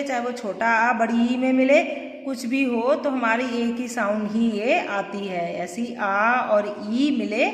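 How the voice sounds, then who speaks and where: A woman teacher giving a grammar lesson, explaining step by step and asking the class questions as she goes. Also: on the high side. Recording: echoey room with long reverb.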